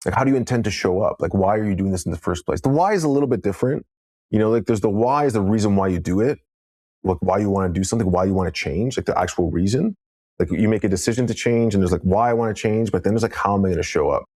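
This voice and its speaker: Man, podcast guest, low voice, rapid delivery, earnest coaching manner, casual storytelling. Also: a little mellow, no room sound, clean studio sound.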